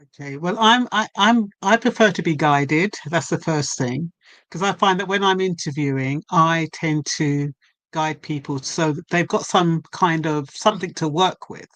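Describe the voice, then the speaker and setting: A woman's voice: low-pitched, fairly bright tone, dry recording. Older woman, reflective, dry sound. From England. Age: 70s. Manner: measured, reflective storytelling. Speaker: guest poet and author. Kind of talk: casual chat.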